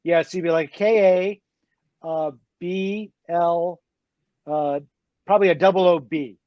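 Male author, conversational, halting delivery; higher pitch, dry muffled sound. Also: fairly even intonation, dry recording. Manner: chatty, halting with many restarts and laughs. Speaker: graphic novel author. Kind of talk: casual conversation.

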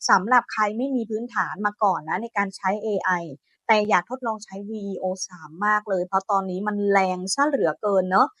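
A woman hosting a software tutorial, chatty and friendly, talking her viewers through each step. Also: medium pitch, brisk, no echo, clean studio sound. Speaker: AI tutorial host. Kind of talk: screen-recorded software tutorial.

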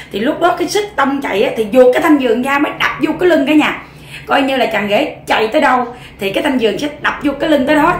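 A woman's voice: high-pitched, reverberant, a little hiss or hum. A woman with a Southern Vietnamese accent, a mukbang vlogger, telling a folk joke to her viewers in a chatty, giggly way with many fillers.

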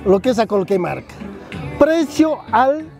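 A man's voice: extremely high pitch, very animated, a little slow, creaky, music in the background, crowd noise. A man, a municipal official at an outdoor fair giving an earnest press interview, listing items and adding tag questions. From southern Peru.

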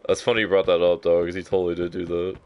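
A man's voice: deep voice, level tone, rapid-fire, a little mellow, clear, resonant tone. A man streaming a game live, chatting to a viewer in a nervous, profane, casual way. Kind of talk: casual live gameplay commentary.

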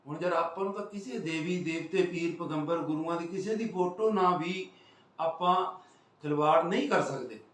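In a casual, animated vlog, a Punjabi man from India recounts a road story, acting out other people's lines and swinging from loud to hushed. His voice is fairly high and his pace moderate, with roomy sound captured from a distance.

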